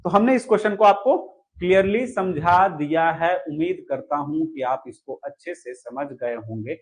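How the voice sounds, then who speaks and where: Male teacher running an online class, high voice, repeats himself, keeps checking if students follow. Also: moderate pace, poor audio. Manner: asks students to answer and comment, repeats key points. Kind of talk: online lesson solving exam questions.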